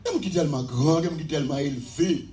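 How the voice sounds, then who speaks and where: A Haitian man preaching a fervent sermon as pastor, often shouting and repeating his phrases. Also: fairly high pitch, rapid-fire. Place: church. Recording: echoey church hall.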